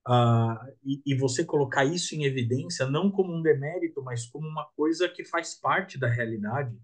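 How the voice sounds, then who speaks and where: Speaking at normal speed in a medium-pitched voice, a male guest on a relaxed podcast conversation muses reflectively. He tends to close his thoughts with the tag "né?".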